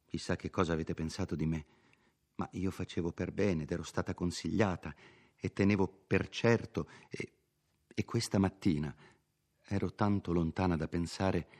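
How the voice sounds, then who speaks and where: A man reading a novel aloud, giving a timid, devout young village woman a gentle, pleading voice. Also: low-pitched, fairly even intonation, moderate pace. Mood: anxious.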